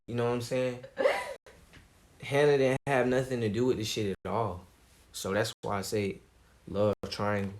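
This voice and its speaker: A man streaming live, talking casually in a calm, laid-back way with plenty of slang. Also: mid-range voice, normal speed, pauses often. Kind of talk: casual livestream commentary.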